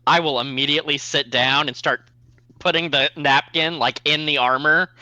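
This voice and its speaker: A man's voice: on the high side, fairly even intonation, normal speed, bright, forceful tone, no room sound, poor audio. A man playing a tabletop game, chatting casually and jokily as he says what his character does. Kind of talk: casual, jokey game chat.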